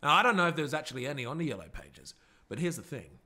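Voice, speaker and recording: A man telling a wild story in character, excitable and swearing a lot, often bursting into shouts. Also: fairly high pitch, racing.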